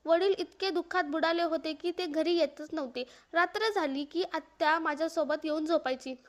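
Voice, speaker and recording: A woman tells an emotional first-person story in an earnest, mournful voice. Her voice sits high and carries the sorrow steadily. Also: fairly even intonation, normal speed.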